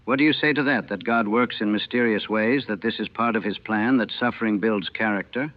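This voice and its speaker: Low grave man on a tinny old recording. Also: dry recording. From United States. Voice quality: grave, measured, haunted. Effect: old archival recording, narrow and tinny. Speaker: army chaplain recalling the war. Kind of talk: solemn first-person recollection.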